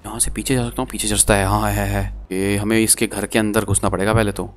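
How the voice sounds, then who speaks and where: A man giving chatty, excitable gameplay commentary as a gaming streamer, talking to his viewers. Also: on the low side, fast, soft background music.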